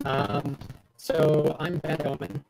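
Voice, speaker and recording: A man's voice: fairly high pitch, little pitch movement, slow, vocal fry, a crowd in the background. A man introducing himself casually on a stream, his voice coming through as distorted, robotic-sounding call audio. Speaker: team member, sound and programming.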